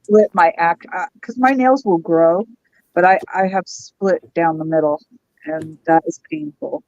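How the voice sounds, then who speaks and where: Low-voiced woman on dull lo-fi audio. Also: a little slow, dry recording. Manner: relaxed, explanatory, lots of "you know". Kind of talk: casual chat on a live stream.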